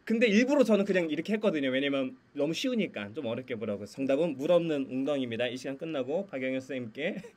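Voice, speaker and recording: A man's voice: medium pitch, lively intonation, quick pace, hardly any pauses. A man on a video call walking teachers through a children's Sunday school lesson and quiz games, laughing often and teasing in a playful game voice. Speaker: Sunday school curriculum presenter. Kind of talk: online teacher training. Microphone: computer mic on a video call.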